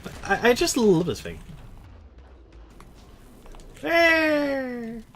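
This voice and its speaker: A man's voice: very high-pitched, very animated, drawn-out words, a bit bright, slight background noise. Chatty young man streaming a game. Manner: rambling and chatty, laughs at himself. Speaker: gaming streamer. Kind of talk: casual gameplay commentary.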